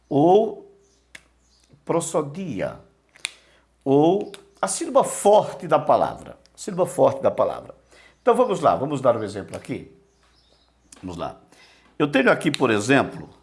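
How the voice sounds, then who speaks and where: A man teaching a Greek lesson, repeating key words and asking himself questions. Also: mid-range voice. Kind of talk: online lesson.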